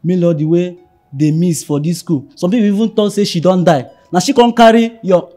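An actor with a Nigerian Pidgin accent playing an excitable young male student who shouts exclamations. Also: high-pitched, a little fast, faint music behind, natural voice. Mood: alarmed.

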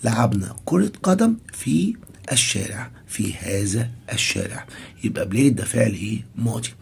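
A man's voice: lowish voice, expressive, normal speed, gravelly, a little mellow, husky. A man with an Egyptian Arabic accent teaching an English grammar lesson to primary pupils. He asks the pupils' questions aloud and answers them himself, repeating each English term and then translating it.

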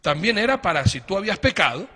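A middle-aged man hosts a religious panel programme, explaining things to viewers in a preaching style with drawn-out stresses and rhetorical questions. His voice sits high, sing-song, pushed and bright. He holds a handheld microphone in a wood-panelled indoor studio or meeting room that is very echoey.

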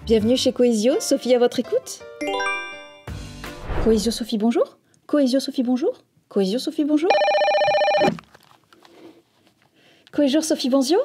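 A woman's voice: high-pitched, moderate pace, long pauses, close to an everyday voice. A woman playing a bumbling customer service agent, speaking in a phone-greeting manner in a comic training sketch. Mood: polite, helpful. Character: bumbling, slightly flippant call-centre customer service agent. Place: small office set, indoors. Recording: background music.

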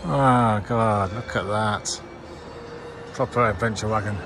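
A man's voice: on the low side, slow pace, music in the background. A man giving casual, enthusiastic commentary as he walks through a large indoor museum hall, filmed with a handheld camera mic. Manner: enthusiastic, exclamatory remarks while walking. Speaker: vlogger. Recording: noisy handheld museum recording.

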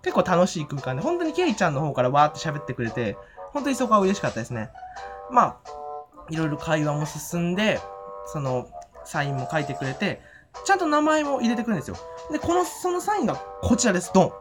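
A man reports on a fan event in an excited, giddy, rambling way, sprinkling in fillers and giggles. He talks fast, and his pitch swings up and down widely. Music plays behind him the whole time. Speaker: fan vlogger. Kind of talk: casual event report vlog. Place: at home after the event.

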